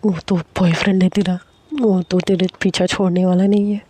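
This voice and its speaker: A woman's voice: on the low side, little pitch movement, moderate pace, dark tone, a little hiss or hum, natural voice. A woman voicing a bold, teasing schoolgirl.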